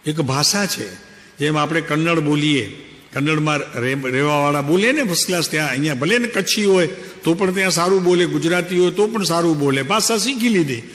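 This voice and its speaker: A man's voice: on the high side, a little fast, a bit bright. An older man, a spiritual teacher giving a conversational, anecdotal discourse and putting questions to his listeners. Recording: long hall reverb.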